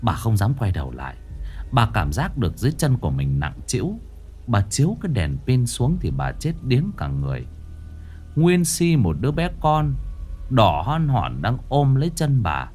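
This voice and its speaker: A man's voice: mid-range voice, huge pitch swings, moderate pace, a little mellow. A man narrating a ghost story in a dramatic storytelling manner. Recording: faint background music.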